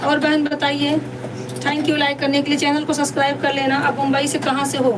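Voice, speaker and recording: A high-pitched woman from Deoria district, India, hosts a casual live stream, calling her viewers sister and chatting repetitively. Her delivery is completely flat and a little fast, and she sounds distant from the mic amid clear background noise.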